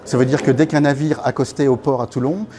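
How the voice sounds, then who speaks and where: A man's voice: mid-range voice, steady tone, a little fast, music in the background. A man in his fifties telling his life story at a networking evening, casual and anecdotal, with many fillers and restarts, recorded by a far camera in a small meeting room. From born in Congo, raised in Africa, French parents. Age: 50s. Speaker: guest speaker at a networking evening. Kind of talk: personal storytelling talk.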